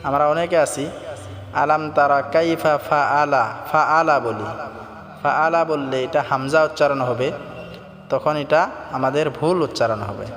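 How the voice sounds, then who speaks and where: A man's voice: mid-range voice, normal speed, a bit bright. A man teaching correct pronunciation, patiently repeating and sounding out syllables. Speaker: recitation teacher. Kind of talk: explanatory lesson. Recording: reverberant with faint music.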